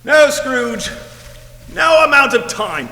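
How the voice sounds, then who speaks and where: A man playing the raspy, mock-solemn ghost of a dead business partner in a comic stage play, recorded in a reverberant hall. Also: extremely high pitch, sing-song, takes it slowly, sharp tone, heavily acted. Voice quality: put-on raspy voice. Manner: theatrical, mock-solemn with jokes and laughter. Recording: roomy hall with long reverb, faint noise.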